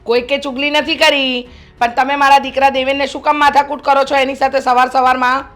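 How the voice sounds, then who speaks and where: A woman's voice: high voice, level tone, a little fast, fairly bright tone, soft background music. An actress playing a stern, domineering middle-aged mother-in-law in a family drama, talking in a scolding, commanding way. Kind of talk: acted family drama dialogue.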